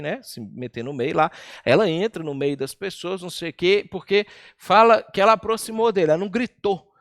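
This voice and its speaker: A man's voice: sits high, a bit bright, dry recording, studio quality. A man preaching a sermon, retelling a story with rhetorical questions.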